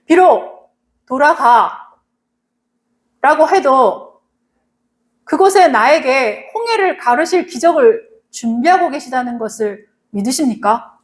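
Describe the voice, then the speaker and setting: A woman pastor delivers a Sunday sermon in a high voice. She speaks earnestly to the congregation, repeating her exhortations and asking them directly to respond. She also leads them in prayer. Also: expressive, unhurried.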